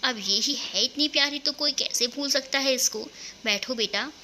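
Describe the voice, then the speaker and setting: A fond older matriarch who fusses over her guests and gives her daughter-in-law gentle orders, as a woman reads her lines. The voice is bright and clear, sitting a little high. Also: normal speed, a little hiss or hum. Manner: affectionate, gently commanding. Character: kindly older mother-in-law, warm matriarch.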